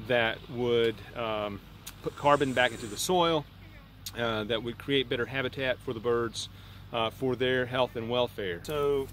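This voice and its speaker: A man's voice: medium pitch, a bit bright, a little hiss or hum. A middle-aged man, a university plant scientist, explaining things outdoors on a farm in a thoughtful way with many fillers.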